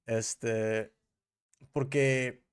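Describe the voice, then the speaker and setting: This young Mexican streamer talks at a medium pitch with a steady, clean tone, drawing out his words as he informally riffs on the news in slang, rambling and fixing his mistakes. A boom-mounted desk microphone picks him up up close in a small home room.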